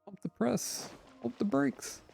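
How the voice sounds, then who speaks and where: This is casual live gameplay chat: a man talks playfully with viewers, exclaiming often as game music runs underneath. His high, gravelly voice moves slowly with lively intonation, and the audio quality is poor.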